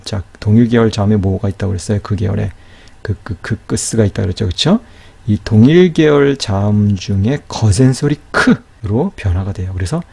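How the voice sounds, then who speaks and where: A man's voice: mid-range voice, dark tone, breathy edge. A man teaching a grammar lesson in a patient, explanatory way, often checking in with a rising "right?". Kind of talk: recorded lecture.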